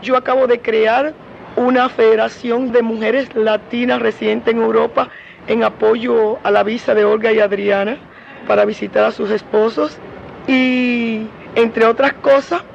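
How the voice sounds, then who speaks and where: A woman's voice: on the high side, vocal fry. A woman from Cuba, an activist speaking earnestly in a news interview. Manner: earnest, listing her activities. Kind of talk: field interview. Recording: dull lo-fi field recording with faint noise.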